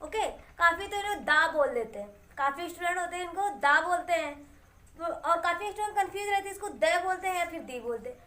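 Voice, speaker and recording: A woman with a very high voice gives a classroom grammar lesson. She keeps asking her students questions and answering them herself, repeating each key word. The room around her is echoey. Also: lively intonation, fairly quick, bright, forceful tone. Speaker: English teacher.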